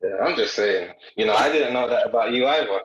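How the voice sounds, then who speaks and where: A man's voice: medium pitch, brisk, reverberant, lo-fi sound. A man guest on a podcast, chatty and self-deprecating, joking easily and restarting his sentences. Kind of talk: podcast conversation.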